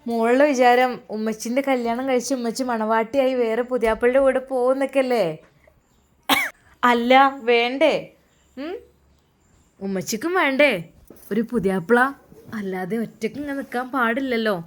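A woman voicing an affectionate older mother who gently coaxes and persuades in a storybook tale. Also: on the high side, fairly even intonation, normal speed, long pauses, voice pushed up, close to an everyday voice. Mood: coaxing tender. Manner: coaxing, affectionate. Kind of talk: storytelling voice acting.

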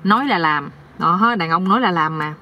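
A woman telling a comic folk tale, lively and speaking straight to her audience. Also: fairly low pitch, moderate pace, distant mic, lo-fi sound. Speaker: storyteller.

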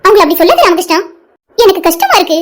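A woman voicing a tearful, heartbroken young woman in an animated cartoon, pleading with a friend. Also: extremely high pitch, fast talker, noisy background. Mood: hurt. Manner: pleading, protective.

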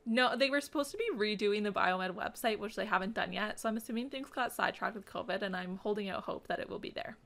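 Young female co-host, playful teaser, bright voice with gravelly fry. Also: medium pitch, fast, hardly any pauses. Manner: playful, teasing, laughs often. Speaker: podcast co-host. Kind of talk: casual podcast chat.

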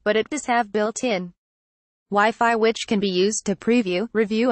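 A woman with a mid-range voice narrates scripted product news in a dry recording. She reads a written article word for word and spells out abbreviations.

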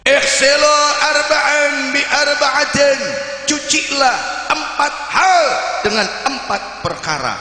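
A man preaching live, his voice high, bright and piercing. He draws out his words slowly and rides a wide, lively pitch. Heavy echo and a long hall reverb surround him. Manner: jokey, questions the audience directly; swings between soft asides and shouted exhortation. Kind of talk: live sermon to a crowd. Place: large hall at a live religious gathering.

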